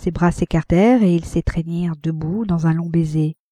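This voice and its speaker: Mellow, low-voiced woman narrator. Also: husky, dry recording, studio quality. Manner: measured, even storytelling. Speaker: audiobook narrator. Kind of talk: classic novel reading.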